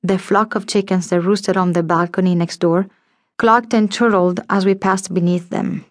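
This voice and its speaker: A woman reading an audiobook in the first person, measured and intimate, as if telling her own child the story. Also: fairly low pitch, steady tone, no echo, studio quality. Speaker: audiobook narrator.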